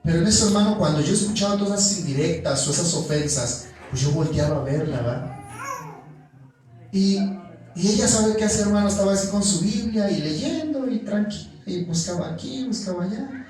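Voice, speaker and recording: Mexican preacher in a very echoey church. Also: male voice, sits high, lively intonation, fairly quick, darkish tone. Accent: Mexican Spanish. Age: young adult. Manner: storytelling, calls the congregation "hermano" constantly. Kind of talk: sermon. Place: church hall. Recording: echoey church room, mic at a distance.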